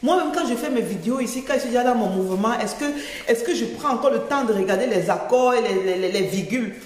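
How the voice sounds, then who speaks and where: Echoey, high-voiced Cameroonian woman, scolding. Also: lively intonation, quick pace, noisy background. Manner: scolding, mocking, repeats phrases for emphasis. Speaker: online commentator. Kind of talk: informal spoken commentary video. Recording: very echoey, long reverb.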